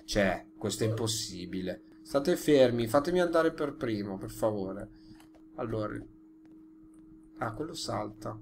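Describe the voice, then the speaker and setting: Excitable male gaming host, lilting and unhurried, yelps at every slip. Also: on the low side, creaky, noisy background. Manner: excitable, jokey, yelps and groans at setbacks. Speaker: gaming YouTuber. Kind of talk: playful gameplay commentary.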